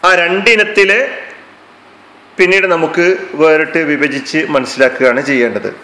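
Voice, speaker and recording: A man's voice: fairly high pitch, expressive, normal speed, sharp tone, low-quality recording. A man teaching a Quran recitation class, explaining terms patiently and repeating them. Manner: fillers, restarts and hesitations. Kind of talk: classroom lesson.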